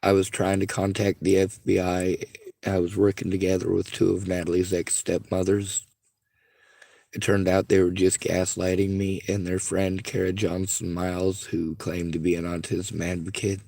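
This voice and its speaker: A man with a squeaky, strained voice, calling to make an earnest, aggrieved, pleading complaint in distress. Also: monotone, moderate pace, gravelly, dark tone, no room sound. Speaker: caller.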